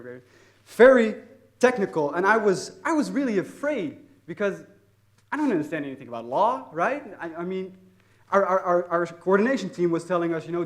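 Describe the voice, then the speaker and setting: A man's voice: on the high side, a bit bright. A young man with a Dutch accent telling an audience about his student project, often repeating words and poking fun at himself. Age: young adult. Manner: hesitant, repeats words often, self-mocking humor. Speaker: student speaker. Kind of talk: personal story told to an audience.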